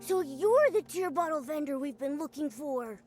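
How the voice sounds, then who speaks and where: Small excitable game companion: squeaky high, animated pitch, jumpy. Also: female voice, normal speed, soft background music. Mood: thoughtful. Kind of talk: scripted game dialogue.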